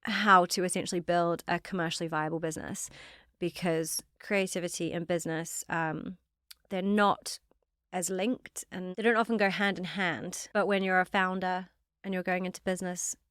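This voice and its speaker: A young woman from New Zealand with a New Zealand accent, chatting as an interview guest about her career in a quick, self-deprecating way. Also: lowish voice, a bit bright, smooth, no echo, studio quality. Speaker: guest, fashion founder. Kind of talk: casual interview storytelling.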